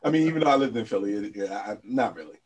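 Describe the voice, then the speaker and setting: A man's voice: on the low side, lively intonation, racing, husky, poor audio. A man co-hosting a casual sports podcast, talking in a laid-back, rambling way full of "like" and "you know". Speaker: podcast co-host.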